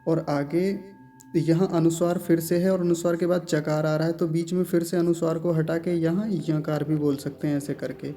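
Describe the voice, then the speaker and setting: A man with a fairly high but mellow, soft-edged voice leads a recitation lesson. He breaks words into slow, deliberate syllables, then chants each line in an even, measured flow. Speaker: Sanskrit pronunciation teacher.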